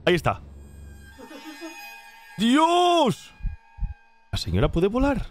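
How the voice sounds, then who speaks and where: A man giving excited reaction commentary on a video, breaking into exclamations and laughs as he watches. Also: on the high side, brisk. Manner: animated, bursts into exclamations and laughs. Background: music from the video he is watching.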